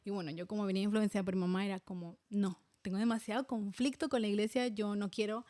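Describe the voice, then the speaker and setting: A woman in her thirties from Spain, speaking Spanish with a Spain accent, hosts a podcast and gives a candid, reflective personal monologue full of fillers and restarts. Her mid-range voice is steady, dark, and fast, with no room sound.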